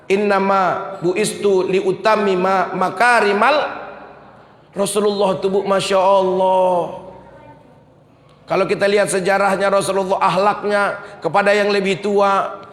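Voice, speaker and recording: A man gives a humorous sermon, and his voice sits high. He tells lively stories, acts out quotes and talks straight to the crowd. A long reverb from the hall trails each phrase. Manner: lively storytelling with acted-out quotes and crowd address. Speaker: preacher. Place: mosque hall, live event.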